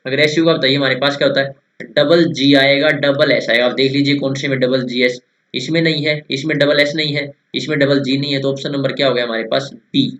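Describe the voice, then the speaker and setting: A young man drills spellings for an exam-prep class. His voice sits at an ordinary middle pitch, and he keeps repeating words and asking his students rhetorical questions. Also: steady tone, fairly quick, a bit bright, muffled recording. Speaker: teacher.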